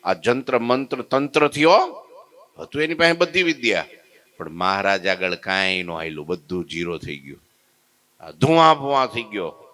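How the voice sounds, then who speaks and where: A man's voice: fairly low pitch, very animated, measured pace, pushed and bright. A man narrating a devotional story sermon in a vivid, dramatic way. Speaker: religious storyteller.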